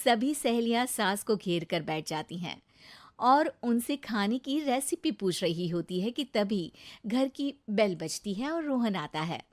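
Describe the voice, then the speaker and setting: A woman's voice: medium pitch, animated, a little slow. A female storyteller delivers scripted narration for a moral tale. She takes her time with each sentence, reading in a storybook style.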